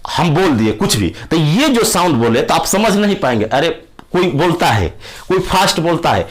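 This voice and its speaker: A man's voice: on the high side, sing-song, moderate pace. A man teaching a physics lesson to exam students, explaining with everyday examples and repeating key words. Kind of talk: classroom lecture for exam students.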